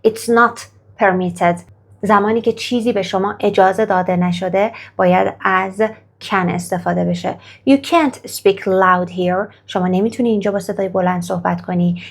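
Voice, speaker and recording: A woman teaching an English grammar lesson, with a gravelly edge to her voice. She pronounces example sentences slowly and deliberately, then explains them and encourages the listener after each practice line. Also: medium pitch. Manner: slow, careful model sentences in English, then Persian explanation; coaxing, praises the viewer after each exercise.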